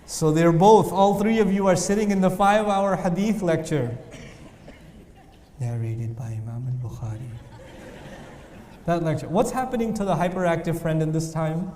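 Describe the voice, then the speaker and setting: A man giving a lively Islamic lesson, telling stories with acted-out voices, recorded in a reverberant lecture hall. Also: on the high side, normal speed. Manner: animated storytelling with voices and jokes. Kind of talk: lively religious talk. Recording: reverberant hall with faint noise.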